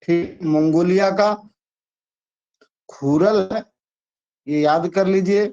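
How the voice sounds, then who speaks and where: A man's voice: high-pitched, slow pace, mellow. A man teaching an exam-prep lesson, chatty and repetitive as he coaxes students through memory tricks. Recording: dull lo-fi sound.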